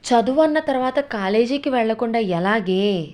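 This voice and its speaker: A woman's voice: a little high, expressive, normal speed, a little mellow, voice pushed up, lightly acted. A woman voicing an impatient, irritated middle-aged son in a read-aloud story. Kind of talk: storytelling with character voices.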